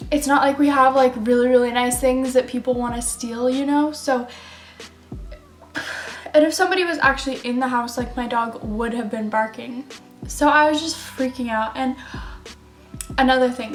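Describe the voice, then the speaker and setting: A young woman telling a story while doing her makeup, rambling and giggly with lots of fillers. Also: high-pitched. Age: young adult. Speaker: beauty vlogger. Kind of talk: chatty get-ready-with-me storytelling. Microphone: camera mic. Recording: echoey room with faint music.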